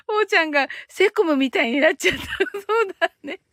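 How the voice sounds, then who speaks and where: Bubbly high-voiced woman hosting a live chat. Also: expressive, a little fast, fairly bright tone, no echo, clean studio sound. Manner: bubbly, giggly, reads comments aloud and reacts with delight. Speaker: live stream host reading listener comments.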